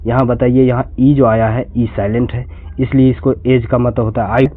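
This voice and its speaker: Male tutor, patient spell-and-repeat delivery, middle pitch, lo-fi phone sound. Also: level tone, normal speed. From India. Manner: spells words letter by letter, then repeats and explains each. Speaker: teacher. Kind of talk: spoken lesson. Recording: tinny phone-quality audio.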